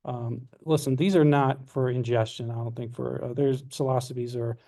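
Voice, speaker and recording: Animated man lecturing, far off the mic. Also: medium pitch, moderate pace, creaky. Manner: animated storyteller, many fillers. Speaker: guest speaker. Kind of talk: lecture with anecdotes. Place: lecture room. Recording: distant from the mic.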